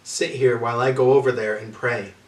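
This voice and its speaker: A man voicing a grave, sorrowful Jesus in an amateur dramatic scripture reading, speaking solemnly and deliberately. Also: mid-range voice, fairly even intonation, natural voice. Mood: solemn, firm. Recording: echoey room, distant mic.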